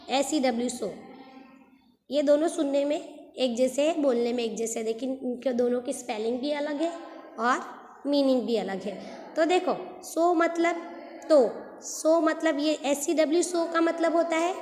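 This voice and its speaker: Woman teacher, high voice and an unhurried pace, patiently explains and spells out words for kids. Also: darkish tone, echoey room, big-room sound. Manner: slow, patient, repeats and spells out words letter by letter. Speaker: school English teacher. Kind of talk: explaining homophones to young children.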